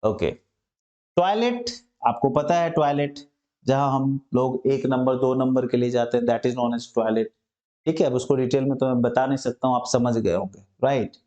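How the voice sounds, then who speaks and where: A man teaching English vocabulary in Hindi, explaining each word slowly and often checking with "understood?". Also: mid-range voice, warm tone, lo-fi sound. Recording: echoey room.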